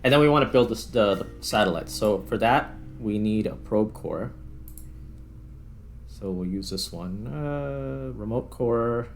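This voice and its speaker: Over background music, a gaming video host chats casually through gameplay, musing aloud as he plays. He has a fairly low, gravelly voice and talks a little slowly.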